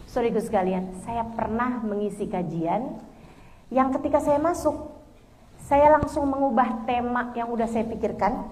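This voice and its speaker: A middle-aged woman preacher giving a lively, conversational religious lecture to women, often acting out bits of dialogue. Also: a little high, slight background noise. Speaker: Islamic preacher.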